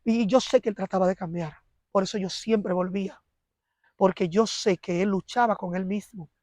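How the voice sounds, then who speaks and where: Woman telling her church testimony, animated, acts out the arguments, dry close sound. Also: medium pitch, normal speed, no room sound. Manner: animated storytelling, acting out quarrels and prayers. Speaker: interview guest giving a testimony.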